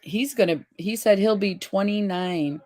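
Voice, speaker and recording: A woman's voice: medium pitch, measured pace, mellow. A woman in her fifties hosting a casual livestream from her living room on a webcam, chatting and reading viewers' comments aloud with frequent laughs. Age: 50s. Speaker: livestream host. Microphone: webcam on a video call.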